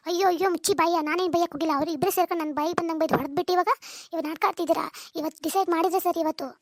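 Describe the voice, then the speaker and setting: In a cartoon drama, a woman voices a young, sharp-tongued wife who is resentful and bitter, nagging and accusing her husband in a North Karnataka Kannada accent. Her very high voice stays steady in tone as she fires off lines rapidly. The recording is dry and studio quality.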